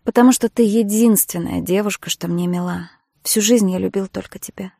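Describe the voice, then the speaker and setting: A woman's voice: medium pitch, moderate pace, vocal fry, dark tone, no echo, clean studio sound. A woman voicing an earnest young man, a marine, who speaks tenderly and pleads with the girl he loves.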